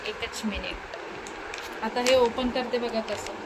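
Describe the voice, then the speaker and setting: A woman's voice: on the high side, fairly even intonation, a little slow. A young woman with a Marathi accent, chatting casually to her viewers at home as she goes through her chores and coaxes her baby. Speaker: vlogger, mother of a baby. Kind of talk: casual home vlog chat. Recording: noisy home phone recording.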